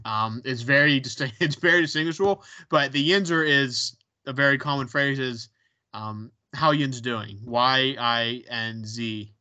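A man's voice: medium pitch, unhurried, pushed and bright, smooth. A man with a Pittsburgh accent co-hosting a podcast in casual chat, rambling with many ums and restarts. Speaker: podcast co-host. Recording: dull lo-fi sound.

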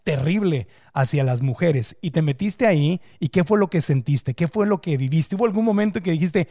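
A man's voice: fairly high pitch, lively intonation, fairly quick, dark tone, no room sound, studio quality. A man hosting a podcast, asking questions and reflecting on the answers. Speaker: podcast host. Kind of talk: interview questions.

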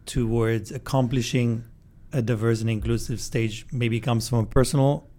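A man's voice: medium pitch, steady tone, warm tone. Polite male interviewer. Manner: polite, measured questions.

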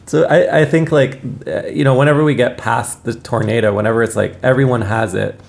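A man's voice: medium pitch, steady tone, brisk, creaky. A man co-hosting a podcast in casual chat, rambling with plenty of fillers and frequent laughs. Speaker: podcast co-host.

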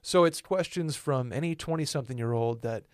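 This twenty-something podcast co-host talks at a fairly quick clip in a medium-pitched voice, keeping things casual and meandering while frequently revising what he just said. The recording is dry and of studio quality.

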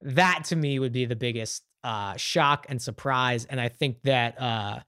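A man's voice: mid-range voice, measured pace, sharp tone, smooth, no echo, studio quality. A man with a Brooklyn accent co-hosting a casual sports podcast, rambling with fillers and restarts. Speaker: podcast co-host.

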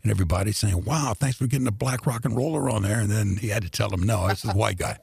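An older man who was born in Greece and grew up in Indianapolis tells stories as a radio guest in a relaxed, drawling way, with many fillers and frequent laughter. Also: fairly low pitch, quick pace, vocal fry, crowd noise. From born in Greece, raised in Indianapolis. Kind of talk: casual interview storytelling.

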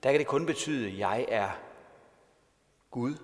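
A man's voice: medium pitch, expressive. A male pastor giving a sermon in a storytelling way, asking rhetorical questions. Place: church. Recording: long church reverb.

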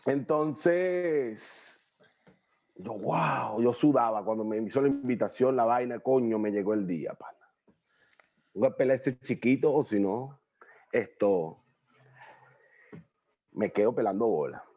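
A man's voice: medium pitch, measured pace, pauses often, lo-fi sound. A young adult man with a Venezuelan accent, telling stories as an interview guest and acting out the voices of people in them. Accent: Venezuelan Spanish. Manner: animated, acts out quoted voices, slangy. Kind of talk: casual storytelling interview.

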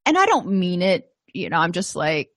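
A woman's voice: lowish voice, very animated, normal speed, no echo, clean studio sound. A middle-aged woman from Florida giving a casual course lecture, chatty and self-deprecating with frequent asides. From Florida, USA. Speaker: counseling course instructor. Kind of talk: informal lecture.

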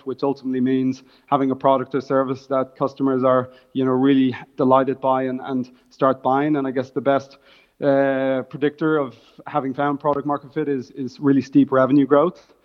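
A man with a Dublin accent answers interview questions as a startup founder. His intonation stays very level as he explains things in business jargon. The sound is slightly muffled and band-limited. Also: mid-range voice. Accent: Dublin Irish. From Dublin, Ireland.

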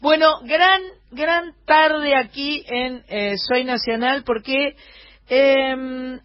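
A woman's voice: high-pitched, fairly even intonation, drawn-out words, no room sound. Chatty Argentine woman radio host. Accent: Rioplatense Argentine. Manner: chatty, filler-heavy, hesitant. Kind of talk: casual radio chat. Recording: muffled radio broadcast.

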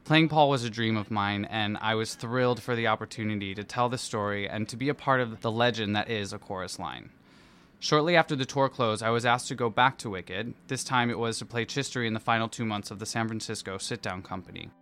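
With a lowish, resonant and clear voice that leans fairly bright, a male musical theatre performer and dance captain reads his own essay at a brisk clip. He hams it up playfully, poking fun at himself.

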